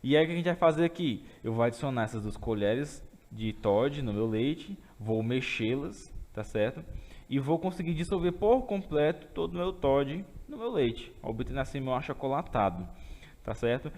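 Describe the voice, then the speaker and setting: A man's voice: mid-range voice, animated, moderate pace, darkish tone, big-room sound. A man teaching a remote chemistry lesson with a Brazilian Portuguese accent. He explains step by step and often checks in with his students. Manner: explains step by step, keeps asking "tá certo?".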